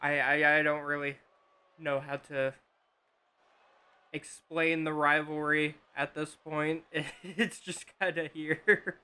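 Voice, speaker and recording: A man's voice: on the high side, flat delivery, slow pace, pushed and bright, clean tone. A man casually commenting on a wrestling video game on a live stream, rambling with fillers and restarts.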